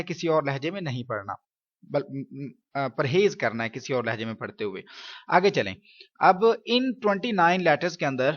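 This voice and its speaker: A man's voice: on the high side, a bit bright, muffled recording. A man teaching Quran reading to other teachers, explaining step by step, checking in often and asking rhetorical questions. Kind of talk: instructional lesson for teachers.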